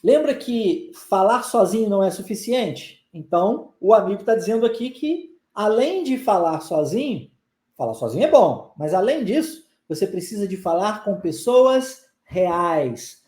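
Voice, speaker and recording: A man's voice: sits high, sing-song, measured pace, darkish tone, reverberant. A man with a Brazilian Portuguese accent gives a live online English pronunciation lesson, coaxing his viewers and drilling phrases through repetition. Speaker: English teacher.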